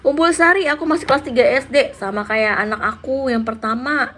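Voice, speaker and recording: A woman in her thirties hosts a casual live stream, chatting with viewers and reading their names and comments aloud before answering them. Her voice sits high and sounds brisk, pushed and bright.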